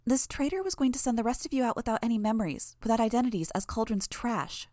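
Woman reads a rabble-rouser, high and rousing. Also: quick pace, a little mellow, no echo, clean studio sound, close to an everyday voice. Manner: raised, rousing, sarcastic.

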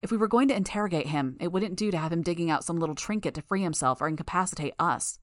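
A woman reading a first-person story aloud in a steady, measured way. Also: lowish voice, no echo, clean studio sound. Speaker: audiobook narrator. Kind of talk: first-person audiobook narration.

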